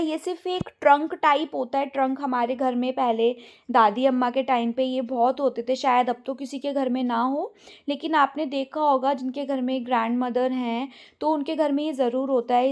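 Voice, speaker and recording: A woman teacher explaining a lesson step by step, dropping in English words and drawing out the answer words slowly. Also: high voice. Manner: stretches out words slowly when reading answers. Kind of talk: online class lesson.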